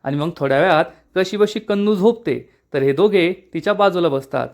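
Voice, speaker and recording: Male episode reviewer with a high voice, steady storytelling recap narration. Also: fairly quick. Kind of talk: retelling a TV episode.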